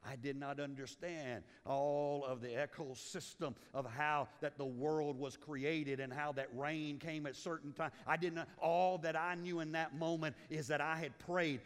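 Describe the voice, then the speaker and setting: A man from Liberia preaching a sermon as pastor, swinging from loud urgency down to hushed, low lines. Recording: long hall reverb.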